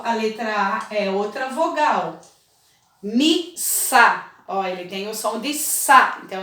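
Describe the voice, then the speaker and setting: Slow, patient woman teacher. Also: a little high, fairly bright tone. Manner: slow, patient, checks in often with "tá certo?". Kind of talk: children's spelling lesson. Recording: echoey room, voice a bit far from the mic.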